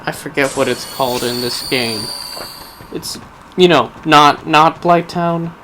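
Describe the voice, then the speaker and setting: A man's voice: on the high side, unhurried, pushed and bright. A man giving casual, rambling gameplay commentary as host, musing wryly as if to himself. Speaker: gaming video host. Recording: clearly noisy background under voice.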